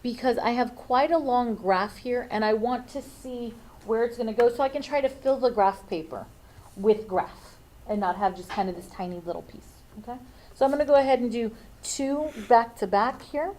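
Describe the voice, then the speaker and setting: A woman's voice: fairly high pitch, moderate pace, a little mellow, low-quality recording. A woman teaching a math lesson, thinking aloud and checking in with frequent "okay?"s.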